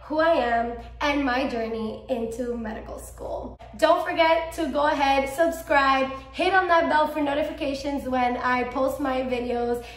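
A high-pitched, fairly evenly intoned voice, a little slow with few pauses, echoes through a small room at home. The speaker is a 24-year-old vlogger and medical student from Miami, Florida, with a Cuban-American accent. She talks to camera casually and enthusiastically, bubbly and gesturing a lot.

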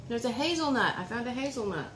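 A food reviewer vlogger in her thirties sits at the table in her home dining room, casually chatting and tasting food for her vlog. Her voice is a little high and expressive, her pace quick, and she has a homey way of talking to viewers and her son while unwrapping food. The room is echoey, with clear background noise.

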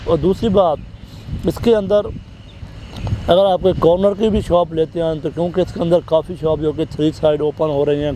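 A man's voice: fairly high pitch, warm tone, slight background noise, rough recording. A man in his thirties with a Pakistani Urdu accent, a real estate agent steadily explaining a project's prices and figures, seated outdoors on a park bench. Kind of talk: informational property walkthrough.

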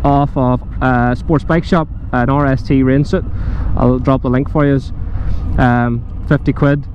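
A man's voice: medium pitch, steady tone, unhurried. Chatty man, muffled outdoors. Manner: chatty, with many fillers and restarts. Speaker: motorcycle vlogger. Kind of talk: casual advice to camera. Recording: muffled sound with clear outdoor noise.

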